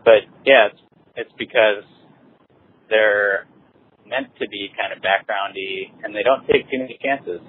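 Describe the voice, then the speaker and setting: A man's voice: fairly low pitch, unhurried, pauses often, a little hiss or hum. A man hosting a casual conversation, keen and restarting his sentences. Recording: husky thin phone-like line.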